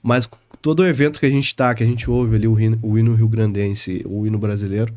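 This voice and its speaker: A man from Minas Gerais, a podcast guest chatting in a relaxed, emotional way. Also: fairly low pitch, fast, dry recording. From Minas Gerais, Brazil. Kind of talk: casual conversation.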